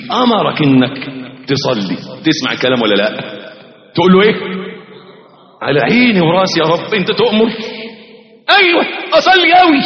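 A man preaching a lively sermon with an Egyptian accent. He swings from loud exclamations to soft asides and acts out little dialogues. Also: fairly high pitch. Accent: Egyptian Arabic. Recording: echoey, reverberant, dull lo-fi hall recording.

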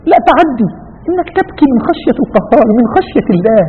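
A man with an Egyptian accent preaching a sermon, fervent and full of rhetorical questions, with a husky voice. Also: very high-pitched, sing-song, rapid-fire. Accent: Egyptian Arabic. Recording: dull radio broadcast with long hall reverb.

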